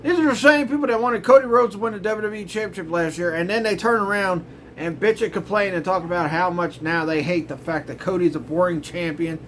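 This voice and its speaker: A middle-aged man hosts his own show, his voice sitting high and brisk with a slight hiss or hum. He rants casually in a grumbling, exasperated tone, tossing in sarcastic asides.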